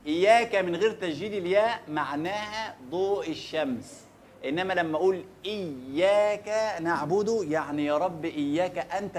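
A man with an Egyptian accent teaching Quran recitation, drilling words slowly and asking listeners to repeat them back. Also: sits high, slight background noise. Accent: Egyptian Arabic. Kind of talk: recitation lesson.

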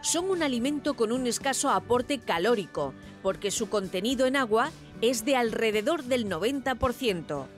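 A woman reading a scripted voice-over narration, measured and informative. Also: fairly high pitch, lively intonation, faint music behind. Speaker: documentary narrator.

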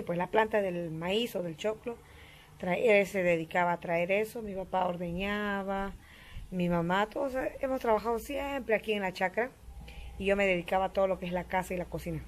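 Peruvian woman, chatty cooking vlog, homey, talks straight to her friends the viewers, farm kitchen, faint background hum. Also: medium pitch. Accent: Peruvian Spanish. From Peru. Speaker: vlogger. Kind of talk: casual cooking vlog chat. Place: family home kitchen on a farm.

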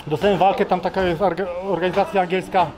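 A man of about forty, sweaty after training, giving casual, halting interview answers with many restarts, speaking into a handheld mic in a busy indoor gym. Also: high-pitched, flat delivery. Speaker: kickboxer being interviewed. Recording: noisy gym crowd around. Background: crowd of people training.

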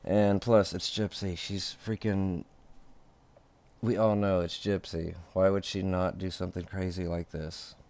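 A man's voice: low-pitched, flat delivery, a little slow, darkish tone. A man hosting his own gossip channel, talking casually and chattily and laughing at his own remarks.

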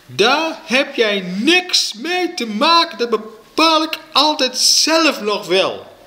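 A man voicing a quarrelsome, dramatic mother who shouts in exasperation. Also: fairly high pitch, sing-song, normal speed, voice pushed up, heavily acted. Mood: shouting.

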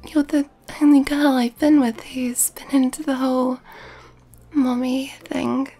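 A woman whispers softly and breathily as an affectionate, nurturing, gently dominant girlfriend in an ASMR roleplay. Her voice sits high with little pitch movement and a slightly slow pace, and the mood is shy and tender.

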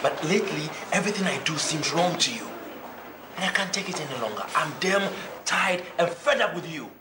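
An actor plays an irritable, smooth-talking young man in a film drama. He has a Ghanaian accent and a very animated, mid-pitched delivery. There is clear noise around the dialogue. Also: a little fast, close to an everyday voice. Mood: exasperated. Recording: noisy location film sound.

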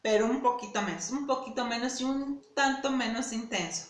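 A woman's voice: a little high, moderate pace, reverberant. A woman reviewing perfumes in a casual, chatty way, often repeating herself and asking "¿sí?". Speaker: beauty vlogger.

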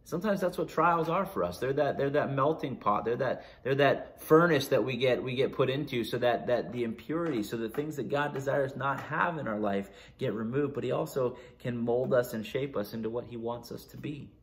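A man's voice: medium pitch, brisk, few pauses. A man with a Canadian accent preaching a sermon as pastor, earnest, with frequent restarts and rising emphasis on key phrases.

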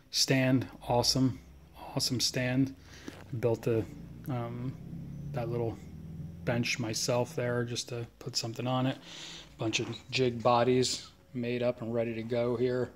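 A man giving a casual tour of his home garage workshop, filmed on a handheld phone, chatting about his tools with plenty of fillers. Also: medium pitch. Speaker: knife maker giving a shop tour. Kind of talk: casual shop tour walkthrough. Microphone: handheld phone camera.

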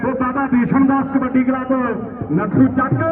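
Loud music plays behind a Punjabi-accented man commentating and announcing a rural kabaddi match at an outdoor village ground. He speaks declamatorily with an extremely high pitch, a steady tone, and moderate pace; the sound comes through a tinny, echoing PA and is distant and noisy.

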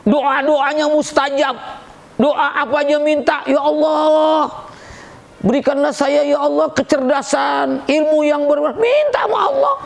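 A middle-aged man preaching. His voice sits high for a man and carries a gravelly rasp. He tells his sermon as a string of jokes and stories, acting out the voices and leaping up in pitch to stress a point. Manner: storytelling with jokes, acts out voices, swings high and loud for emphasis. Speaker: preacher at a school Ramadan program. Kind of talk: humorous Ramadan sermon.

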